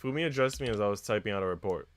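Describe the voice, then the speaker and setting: Reading visual novel text aloud on a live stream, a man also chats casually with his viewers. His fairly low voice is animated and very fast, and the noisy mic picks up typing sounds.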